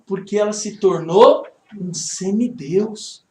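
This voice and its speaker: High-voiced pastor in an echoey hall. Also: male voice, slow. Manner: conversational, animated, rhetorical check-ins. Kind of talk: Bible study teaching to a live group. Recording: echoey room, faint background noise.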